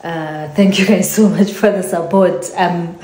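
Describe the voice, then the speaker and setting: A South African vlogger ends her home vlog with a chatty, casual goodbye, thanking viewers repeatedly and trailing into fillers. She speaks at a measured pace in a warm, lowish voice with a steady tone, and the room echoes.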